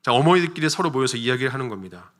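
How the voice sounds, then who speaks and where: Bright-voiced Korean pastor preaching. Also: male voice, mid-range voice, lively intonation, rapid-fire. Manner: frequent fillers "자" and "예", storytelling with rhetorical questions. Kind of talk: sermon. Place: church sanctuary.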